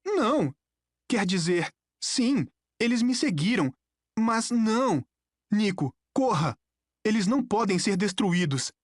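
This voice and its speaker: A woman's voice: medium pitch, sing-song, takes it slowly, no room sound, clean studio sound, voice pushed up. A woman with a Brazilian accent voicing a determined young male hero who speaks urgently. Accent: Brazilian Portuguese. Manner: urgent, pleading.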